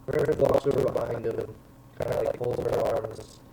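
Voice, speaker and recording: Man, game master, rambling narration, gravelly voice, mid pitch. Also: steady tone, normal speed. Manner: rambling, hesitant with many fillers. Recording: noisy background.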